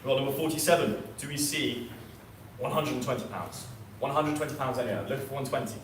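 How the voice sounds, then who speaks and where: Working the auction sale room, a man chants live bids in a repetitive rhythm of prices and increments, his mid-range voice running a little fast. The indoor recording is echoey, picked up from a distance amid background noise.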